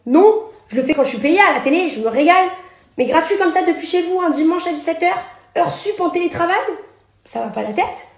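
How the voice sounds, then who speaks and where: An indignant young woman with a high voice and lively intonation rants rapid-fire and sarcastically in a social media story. She is a reality TV personality and influencer, holding her phone at arm's length in an echoey room.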